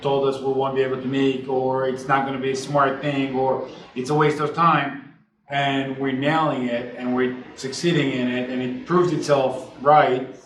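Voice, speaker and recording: A man realtor chatting casually and easygoingly with his wife to the camera, on low-quality sound because the mic died. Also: level tone, moderate pace, slight background noise. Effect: low-quality sound after the mic died. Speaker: realtor, co-host of a couple's channel. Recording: distant, echoey room sound.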